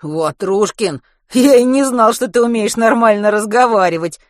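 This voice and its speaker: A woman voicing an excitable, cheeky teenage schoolboy who talks back indignantly. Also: medium pitch, moderate pace, no room sound, studio quality, pitched above the performer's own voice, close to an everyday voice. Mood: agitated. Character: agitated defiant teenage schoolboy.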